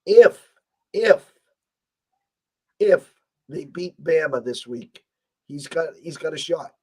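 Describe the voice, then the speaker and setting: An American man with a hoarse, strained voice that is nearly gone, hosting a casual sports betting talk show. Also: a little high, expressive, takes it slowly. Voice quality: husky, strained voice. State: hoarse, losing his voice.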